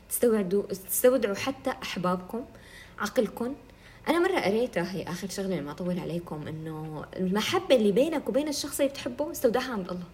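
A woman's voice: mid-range voice, a little mellow. A woman giving an earnest religious self-help talk, telling stories animatedly and imitating other people.

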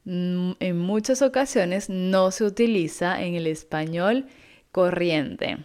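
Slow, patient woman teaching Spanish. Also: on the low side, darkish tone. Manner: clear, instructive, patient. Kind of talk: online Spanish lesson.

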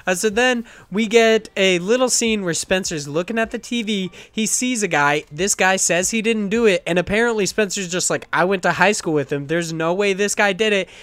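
A man's voice: sits high, moderate pace, few pauses, fairly bright tone, dry recording. A man co-hosting a podcast, recapping a movie in a sarcastic, profane, rambling way. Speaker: podcast co-host reviewing a movie. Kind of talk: casual chat.

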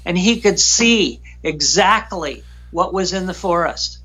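A man guest recounting a frightening personal story in an emotional, halting way, often repeating himself. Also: sits high, lively intonation, sharp tone, husky.

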